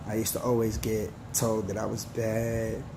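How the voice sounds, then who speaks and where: A man's voice: lowish voice, flat delivery, background noise. A man in his forties giving an earnest, slangy motivational talk to his viewers. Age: 40s. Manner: earnest, preachy, slangy and slow. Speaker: vlogger.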